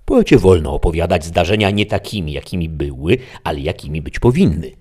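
A man's voice: low-pitched, expressive, a little mellow, slightly rough. A man doing a wry learned scholar. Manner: measured, explaining. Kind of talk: audiobook reading with voices.

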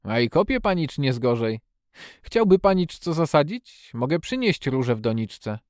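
A man doing a gruff old gardener, slow and stubborn. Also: a little high, very animated, darkish tone, no room sound, clean studio sound, pitched above the performer's own voice. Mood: delighted.

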